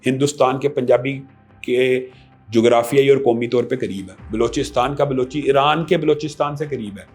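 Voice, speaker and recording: A man's voice: mid-range voice, darkish tone, soft background music. A man from Pakistan, a religious scholar answering interview questions emphatically and often asking rhetorical questions.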